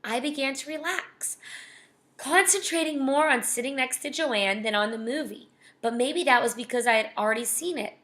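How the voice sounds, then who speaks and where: A woman's voice: high-pitched, moderate pace, fairly bright tone. A young woman casually reading a children's novel aloud, breaking off to chat and comment. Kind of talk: casual read-aloud with asides.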